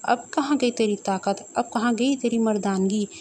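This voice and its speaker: A woman's voice: fairly high pitch, moderate pace, a little mellow, slight background noise, natural voice. Woman reading as Wing, a snappish young man. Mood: irritated. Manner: snappish, scolding. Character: irritable young man, bossy and short-tempered.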